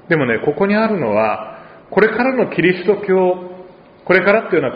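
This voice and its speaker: A male pastor with an Oita accent preaches a sermon in a conversational way, with dialect asides and gentle humor. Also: high voice, reverberant, long reverb tail, lo-fi sound. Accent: Oita Japanese.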